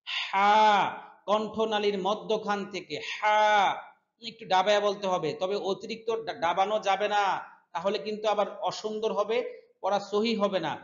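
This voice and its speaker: Recitation teacher, male, high voice, unhurried, corrective, dull lo-fi recording. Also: steady tone, reverberant. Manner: corrects pronunciation, drawls recited words slowly. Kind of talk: online tajweed lesson, reciting and explaining.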